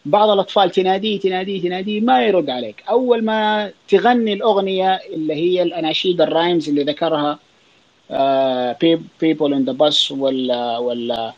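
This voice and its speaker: Speaking with a Saudi Arabic accent, a male child psychiatrist rattles quickly through listener questions in a casual online audio space, explaining loosely with lots of fillers and restarts. His voice is slightly high for a man and darkish in tone, and the audio comes across dull and lo-fi, as if streamed through a virtual room.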